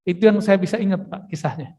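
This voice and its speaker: A man's voice: sits high, fast talker, dark tone, in a large hall. A man giving a religious study lecture, telling stories with casual, joking asides to his listeners. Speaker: preacher giving a mosque study session. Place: mosque hall.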